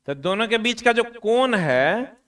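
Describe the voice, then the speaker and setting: A man, lecturing a classroom on science. He talks slowly and deliberately and chats with his students as he explains. Now and then he teases them and slips into quieter asides. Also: very high voice, lively intonation. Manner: chatty, teasing students, drops to quiet asides. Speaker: teacher.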